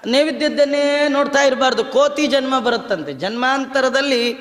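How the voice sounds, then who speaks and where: A man's voice: very high-pitched, moderate pace, fairly bright tone. A man playing a fussy village woman who scolds about ritual rules. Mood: scolding. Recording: long hall reverb.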